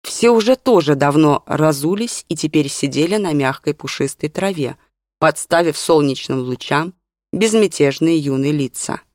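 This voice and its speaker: An audiobook narrator reading a story in calm, even storytelling. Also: mid-range voice, moderate pace, no room sound, studio quality. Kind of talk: scripted narration.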